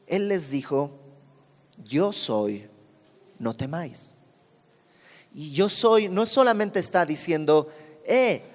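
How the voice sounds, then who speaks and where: Teacher, slightly high voice. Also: male voice, in a large hall. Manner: explanatory, conversational, reads verses then comments. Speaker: Bible teacher. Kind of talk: verse-by-verse Bible study.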